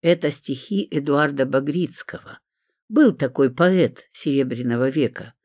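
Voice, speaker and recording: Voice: mid-range voice, a little slow, darkish tone, no echo, clean studio sound, natural voice. A reader voicing an imperious, sardonic elderly woman with a well-trained commanding voice. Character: imperious sharp-tongued elderly woman patient.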